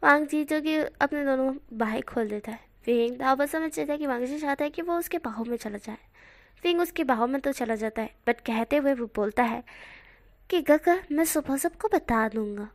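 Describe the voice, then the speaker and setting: A woman's voice: sits high, normal speed. A woman narrating a fan fiction story casually, correcting herself as she goes. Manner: loose, self-correcting.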